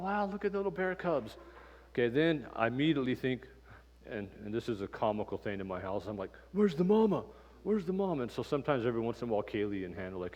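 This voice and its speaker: Man, Bible class teacher, slightly low voice, easygoing and chatty, church room with a long ring. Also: long reverb tail, lo-fi sound. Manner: relaxed, conversational, many ums and uhs. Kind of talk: casual Bible lesson with personal storytelling.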